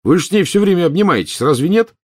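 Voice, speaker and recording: A man's voice: medium pitch, expressive, brisk, darkish tone, pitched above the performer's own voice, lightly acted. A man reading an audiobook, voicing an impatient, incredulous teenage boy wizard. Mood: exasperated.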